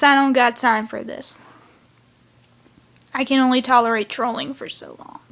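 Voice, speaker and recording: High and a bit bright, a woman's voice chats casually through a cartoon episode review, rambling along and throwing in sighing asides.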